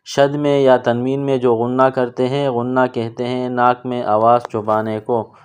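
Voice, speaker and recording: A man teaching children to read the Quran, explaining each letter patiently and drawing syllables out slowly in recitation. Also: medium pitch, little pitch movement, darkish tone, clean tone. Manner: slow, drawn-out syllable-by-syllable recitation between explanations. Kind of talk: step-by-step recitation lesson for kids.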